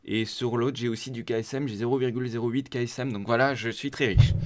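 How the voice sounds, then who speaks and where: A man hosting a community channel, talking casually as he walks viewers through a software setup step by step. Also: mid-range voice. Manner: chatty and informal, walking viewers through clicks step by step. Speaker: host of a crypto community channel. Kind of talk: casual screen-share tutorial.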